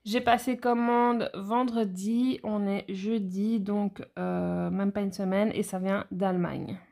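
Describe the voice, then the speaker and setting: Woman with gravelly fry. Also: mid-range voice, fairly even intonation, slow pace, darkish tone. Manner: chatty, addresses viewers directly, frequent hesitations. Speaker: nail educator. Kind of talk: casual product haul vlog.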